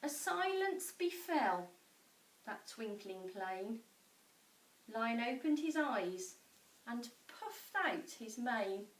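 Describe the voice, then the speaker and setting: A woman with a high voice reads a children's storybook with dramatic emphasis. She takes her time and varies her pitch widely, pausing for effect. The room sounds echoey. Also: sing-song. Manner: dramatic emphasis with deliberate pauses. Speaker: teacher reading a picture book. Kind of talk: expressive storybook narration for children. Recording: echoey room, distant mic.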